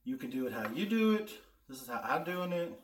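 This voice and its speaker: Brisk and very animated, a man with a mid-range voice shows viewers some cooking and taste-testing in an indoor kitchen, keeping the chat casual and folksy. A distant microphone gives the audio a roomy echo.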